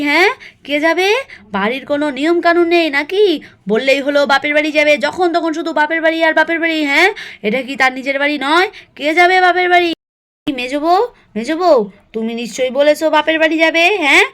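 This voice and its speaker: Cartoon: woman doing a high, loud old mother-in-law who nags and repeats herself. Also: fairly quick, natural voice. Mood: scolding. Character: stern scolding elderly mother-in-law.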